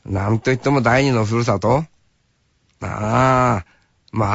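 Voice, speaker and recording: Slow, drawling folksy radio host man. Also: mid-range voice, fairly bright tone, no echo, dull audio. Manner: drawling, rough and folksy, keeps adding "nah" tags. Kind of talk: casual radio talk.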